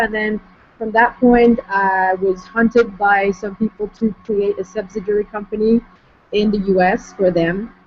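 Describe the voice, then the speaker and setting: A French-accented woman talks through her story as an interview guest, measured and careful with her words. Her voice sits at a middling pitch. The sound is dull and lo-fi, with a faint hiss underneath. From France. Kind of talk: online interview conversation. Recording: muffled lo-fi audio with faint noise.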